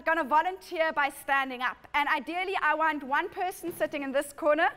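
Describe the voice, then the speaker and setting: A woman with a high voice lectures to an audience in a room. She explains her points step by step and stops now and then to correct herself. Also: a bit bright. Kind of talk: conference lecture.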